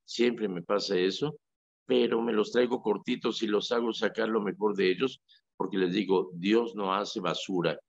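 Un sacerdote católico con acento mexicano que conversa en la radio, con un tono animado y enfático, como quien cuenta anécdotas. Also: male voice, lowish voice, normal speed, vocal fry. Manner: animated, emphatic, storytelling. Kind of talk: casual radio talk. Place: radio studio. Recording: dry lo-fi radio audio.

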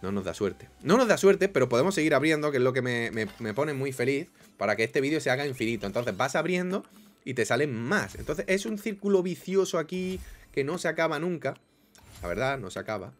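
A young man commenting casually on a game, swinging between mock despair and loud excitement. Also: medium pitch, brisk, faint music behind. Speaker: gaming YouTuber.

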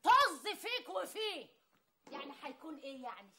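An actress playing a sharp-tongued middle-aged mother in a TV drama, with an Egyptian Arabic accent, scolding and quoting proverbs. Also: sits high, expressive, fast talker. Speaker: mother-in-law in a family drama. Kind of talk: TV drama acting.

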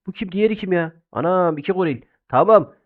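A young man doing loud, exclamatory let's-play commentary while playing an online game, swinging between shouts and low muttering. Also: expressive, quick pace. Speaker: gaming YouTuber. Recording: phone-like narrow band.

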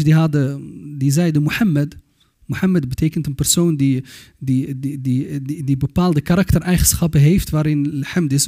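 A man's voice: on the high side, dark tone, husky. A man giving an earnest religious lecture to young people, admonishing them, mixing in Arabic phrases and often restarting his words. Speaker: Islamic youth lecturer.

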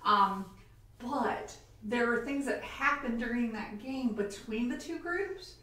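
Game master lady chatting over tea, laughy storyteller, voice high-ish, sounds far from the mic. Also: animated, slow, bright, forceful tone. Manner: chatty, laughs often while telling stories. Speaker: game master and show host. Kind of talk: casual chat at a tea table. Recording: very echoey room, mic far off.

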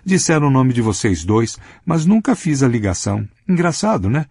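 A man's voice: mid-range voice, very animated, normal speed, creaky, darkish tone, breathy edge, no room sound, studio quality, heavily acted. A male audiobook reader voicing a wisecracking grown man, a joker among old friends. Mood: joking. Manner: jokey, theatrical.

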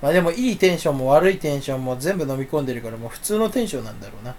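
A man talking to himself in a rambling solo monologue. He is self-mocking and erratic, swinging from loud outbursts to low mutters. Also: expressive, rapid-fire, slight background noise. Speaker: solo talk channel host.

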